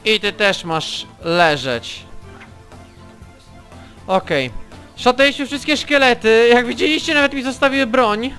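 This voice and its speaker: A man's voice: very high-pitched, expressive, a little slow, long pauses, bright, forceful tone. A man casually commenting on his gameplay, swearing and taunting the enemies he fights, with faint game music behind. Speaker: let's play gamer.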